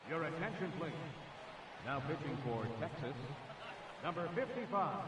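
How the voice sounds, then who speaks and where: Stadium PA announcer over echoing loudspeakers. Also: male voice, fairly high pitch, sing-song. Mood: formal. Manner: slow, drawn-out, formal calls. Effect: over a stadium PA system. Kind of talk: ballpark lineup announcing. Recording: echoey loudspeaker from far off with loud noise.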